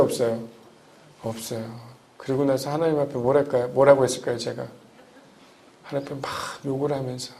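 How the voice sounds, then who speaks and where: A middle-aged man preaching a sermon as a pastor, often putting questions to the congregation and moving between loud emphatic lines and hushed ones. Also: a little high.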